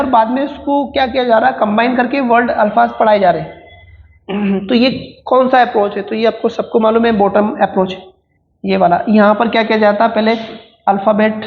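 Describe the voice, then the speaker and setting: A woman with an Indian English accent explaining exam questions as an exam prep teacher, reading each question slowly and then explaining it in casual Hindi. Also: mid-range voice. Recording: echoey room, dull lo-fi sound.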